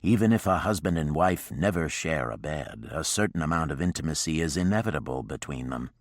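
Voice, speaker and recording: A man's voice: very deep voice, lively intonation, a little fast, no echo, studio quality, full character voice. A man voicing a stern, patient frontiersman in an audiobook, speaking in a curt, matter-of-fact way.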